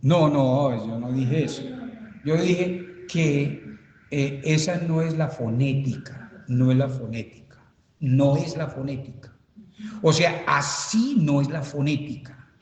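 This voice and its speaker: A man, a pastor, teaching a Bible study in a church, speaking haltingly and emphatically, repeating points as he writes them on a board. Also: on the high side, darkish tone. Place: church hall. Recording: reverberant church hall.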